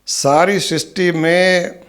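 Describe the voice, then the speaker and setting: A man giving a slow, measured spiritual discourse, posing questions and answering them himself. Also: high voice, fairly even intonation, a bit bright. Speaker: spiritual teacher.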